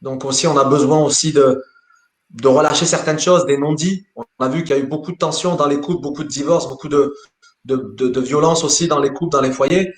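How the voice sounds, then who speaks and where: A man's voice: a little high, fairly quick. Man with a roomy, echoey sound. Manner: animated, repeats words while thinking. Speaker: sports coach. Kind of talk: live interview answers. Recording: roomy echo.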